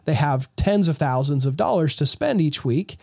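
A man's voice: a little high, lively intonation, moderate pace, creaky, a little mellow, slightly rough, dry recording, studio quality. A man telling his business story as a guest in a casual interview, talking energetically and often restarting his phrases. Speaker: real estate investor guest.

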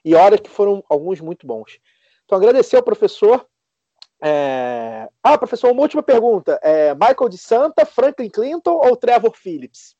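A man co-hosting a podcast, out of breath, enthusiastic and halting in a casual chat. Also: sits high, big pitch swings, mellow, dry recording, lo-fi sound. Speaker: podcast co-host.

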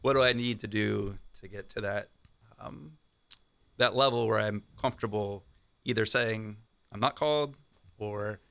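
A man speaking as a priest and guest in an unscripted conversation, thoughtful and encouraging, in halting phrases. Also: fairly low pitch, vocal fry, a bit bright, clear, resonant tone.

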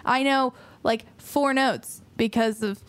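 A woman's voice: a little high, fairly even intonation, slow. A woman chatting casually on a podcast, rambling through stories.

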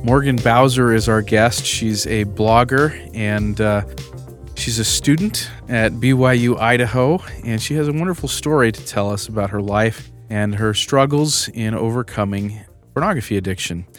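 Measured male podcast host. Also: on the low side, faint music behind. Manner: earnest, measured questioning with small restarts. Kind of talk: podcast interview, scripted intro then conversational questions.

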